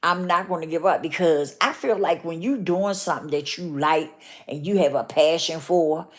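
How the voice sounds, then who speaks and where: A woman with a lowish voice and talks straight to her listeners in an earnest motivational heart-to-heart. She repeats herself for emphasis and keeps checking in with "okay?" and "right?". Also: normal speed. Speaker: vlogger.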